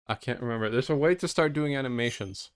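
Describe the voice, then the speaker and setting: A man's voice: mid-range voice, fast talker, smooth, no echo, clean studio sound. A man giving casual, rambling, easygoing commentary as he plays a video game. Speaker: let's player.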